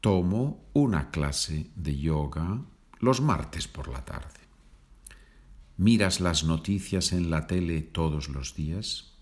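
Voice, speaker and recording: A man hosting a podcast lesson, patiently explaining Spanish phrases in English and repeating them slowly. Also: low-pitched, animated, darkish tone. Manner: slow, patient, explains with small laughs and repeats. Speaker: Spanish teacher, podcast host. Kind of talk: slow bilingual language lesson.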